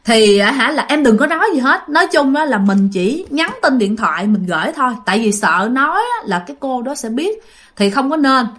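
Woman, ghost story narration, chatty, talks to listeners, slightly high voice. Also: big pitch swings, a little fast, a bit bright. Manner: chatty, informal, addresses listeners directly.

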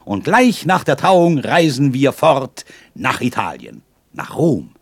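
A man's voice: sits low, very animated, moderate pace, a little mellow, breathy edge, no echo, full character voice. A man reading the part of an eager young man in an audiobook, bursting out in exclamations. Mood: delighted.

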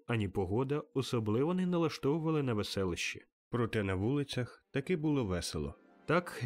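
A man giving expressive, measured audiobook narration of a classic tale. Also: medium pitch.

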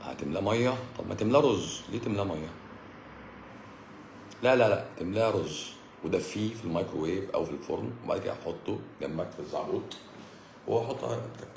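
Sitting low and a bit bright, his voice carries a roomy sound with slight noise in the background. The Egyptian-accented man runs a lighthearted livestream where he responds to viewers, teases them, and often breaks into laughter.

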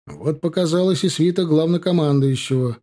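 Mellow male audiobook narrator. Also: fairly high pitch. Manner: even, measured storytelling. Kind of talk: scripted narration.

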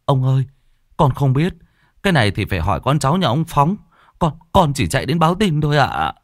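A man's voice: mid-range voice, sing-song, fairly quick, dry recording, clean studio sound, voice pushed up, lightly acted. A man voicing a panicked young man who stammers out bad news, breathless.

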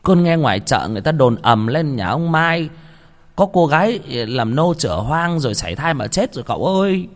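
A man's voice: a little high, big pitch swings, normal speed, in a large hall, voice pushed up. A man voicing a nervous, stammering young male servant in a ghost story. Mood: fumbling. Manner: stammering, eager.

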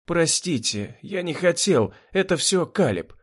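Man doing a sobbing chubby engineer, pleading, higher voice, lively. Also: a little slow, slightly rough, heavily acted. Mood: distraught. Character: big chubby male engineer, tearful, frightened.

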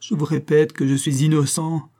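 A man's voice: fairly high pitch, little pitch movement, normal speed, warm tone, voice pushed up, close to an everyday voice. A man voicing a desperate young ex-convict who pleads his innocence in a frantic, protesting way. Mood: pleading.

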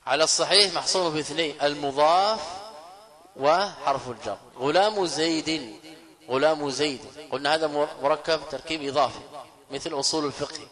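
Teaching grammar to a class, this male scholar answers the questions he raises and unhurriedly repeats the key phrases. The voice is a little high and a bit bright.

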